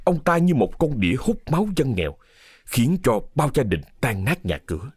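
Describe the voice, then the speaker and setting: A man narrating a ghost story in a dramatic, expressive storytelling manner. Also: mid-range voice, normal speed, slightly rough, dry recording, studio quality. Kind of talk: scripted horror story narration.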